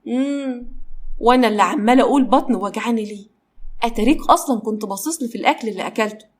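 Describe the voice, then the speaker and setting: A woman's voice: on the high side, rapid-fire, close to an everyday voice. A woman voicing a worn-out, theatrical young female office worker who complains dramatically, with an Egyptian accent. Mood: complaining.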